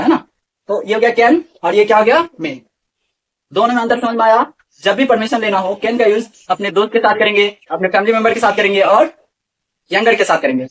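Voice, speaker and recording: A man's voice: high-pitched, a bit bright, distant mic. A man teaching a grammar lesson to a class, often asking questions and repeating the answers.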